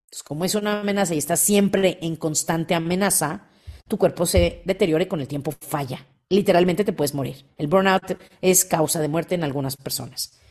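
A woman, hosting a motivational podcast and acting out quoted voices with lively energy. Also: lowish voice, moderate pace. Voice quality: animated, acts out quoted voices. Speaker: podcast host.

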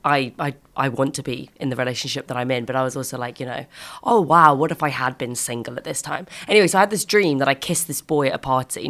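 A young British woman speaks in a low, bright voice with a frog-like croak that lingers from a virus. Her chat is candid and intimate, feeling its way haltingly from thought to thought. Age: 20s. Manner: candid, halting, frequent swearing.

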